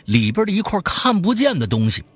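A man who hosts a show, telling a scary story in the first person, swinging from hushed to loud. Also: sits high, wildly swooping pitch, fairly quick, breathy edge. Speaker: host reading a listener's story.

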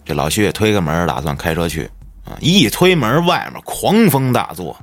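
A man's voice: big pitch swings, a little fast, faint music behind. A man, a podcast host telling a ghost story in colloquial, swear-laden style. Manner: colloquial storyteller, swears often, dramatic swings in pitch.

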